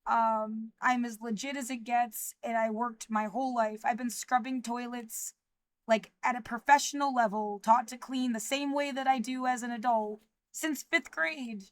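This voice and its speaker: Woman in her 30s rambling on a livestream, anxious, keeps restarting, kinda high voice, dry close sound. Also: steady tone, normal speed, no room sound. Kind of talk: livestreamed personal monologue.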